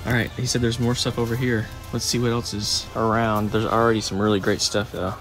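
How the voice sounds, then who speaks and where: A man in his thirties hosting a casual vlog, excited and chatty while browsing an indoor flea market. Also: on the low side, brisk, over music. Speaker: host.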